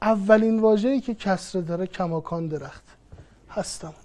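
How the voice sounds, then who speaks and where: A woman's voice: mid-range voice, warm tone, a little hiss or hum. A woman teaching a grammar lesson online, patiently repeating each rule and working through examples one by one. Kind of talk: online lesson, explaining step by step.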